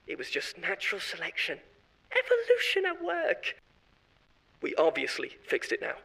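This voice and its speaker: A man acts the part of a smug, boastful former corporate consultant in an audio drama monologue, chatting on and laughing at his own jokes. His high voice swoops wildly in pitch at a moderate pace, with vocal fry, a sharp tone and a breathy edge, heavily acted on a rough recording.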